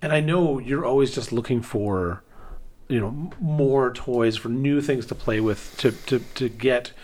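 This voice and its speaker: A man's voice: mid-range voice, a little slow, darkish tone. A man hosting a podcast, asking curious questions and giving short affirmations. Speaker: podcast host. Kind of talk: casual podcast interview.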